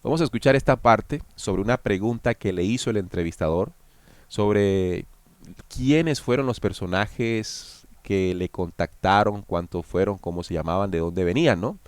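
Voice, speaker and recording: A man's voice: lowish voice, normal speed, clean tone, dry recording. A man hosting a channel, explaining and analysing an interview clip for his viewers and speaking to them directly. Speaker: host. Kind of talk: analytical commentary.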